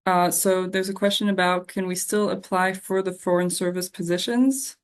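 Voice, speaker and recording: A woman answers questions informally as a staff member, hesitating as she goes and offering reassurance. Her voice is slightly low, with a steady tone that barely shifts in pitch, at a normal speed.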